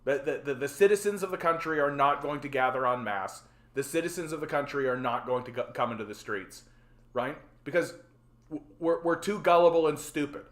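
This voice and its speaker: A man's voice: a little high, fairly quick. A man in his forties from Canada, hosting a solo livestream in a frustrated, rambling rant full of stammered repeats. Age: 40s. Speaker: livestream host. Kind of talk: ranting solo livestream talk. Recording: roomy echo.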